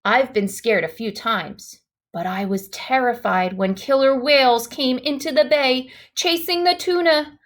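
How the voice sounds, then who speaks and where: Reading from a children's storybook at a measured, unhurried pace, a woman with a high voice draws out important words for effect. She performs it dramatically and expressively, with emphatic exclamations.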